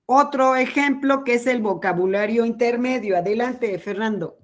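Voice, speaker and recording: A woman with a Mexican Spanish accent giving a training lecture to teachers, explaining slowly and patiently with pauses. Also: on the high side.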